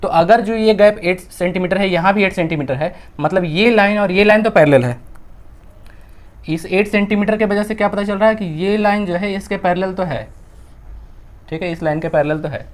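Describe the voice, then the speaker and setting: A man's voice: high-pitched, moderate pace. A young man with an Indian accent, a maths teacher working through textbook exercises step by step, mixing Hindi with English and asking and answering his own questions.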